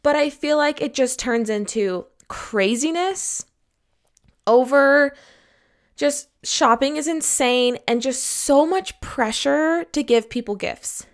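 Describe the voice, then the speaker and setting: A woman advice vlogger with a high voice speaks slowly, casual and candid in an upbeat vlog. She is emphatic and chatty while laying out her points in an organized way.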